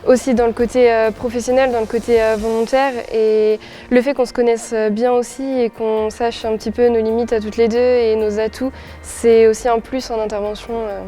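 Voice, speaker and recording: A woman's voice: fairly high pitch, level tone, moderate pace, dark tone, faint music behind. A woman in her twenties, a nurse and volunteer firefighter, speaking eagerly in an interview with many hesitant fillers. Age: 20s. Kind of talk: interview testimony.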